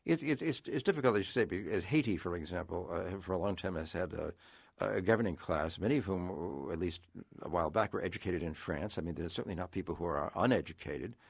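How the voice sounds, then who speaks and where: A man hosting a radio call-in show, asking questions in a halting conversational way with stammering restarts. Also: deep voice, creaky, husky, no room sound, clean studio sound. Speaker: radio host.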